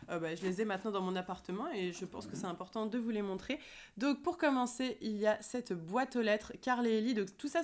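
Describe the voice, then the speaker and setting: Young woman vlogging from her new flat, kinda high voice, super excited, lots of euhs. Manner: enthusiastic, many fillers. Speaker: YouTuber. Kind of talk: casual vlog haul. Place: her new apartment, indoors.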